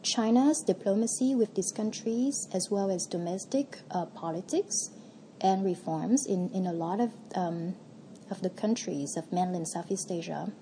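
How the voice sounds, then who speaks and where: A woman's voice: mid-range voice, a little slow, warm tone, a little hiss or hum, rough recording. A woman from Vietnam, a policy researcher, answering interview questions thoughtfully with frequent ums and restarts.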